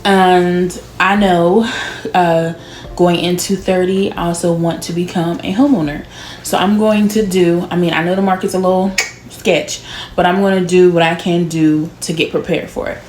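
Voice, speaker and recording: A woman in her late twenties chatting casually to camera as a vlogger, with drawn-out words and laughs. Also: fairly low pitch, fairly even intonation, a little mellow, a little hiss or hum. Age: 20s. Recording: echoey room with faint music.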